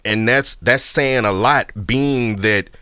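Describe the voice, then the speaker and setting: A man hosting a casual podcast interview, talking in a relaxed, conversational way with lots of "you know what I mean". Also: mid-range voice, slow, clean tone, no echo. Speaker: podcast host.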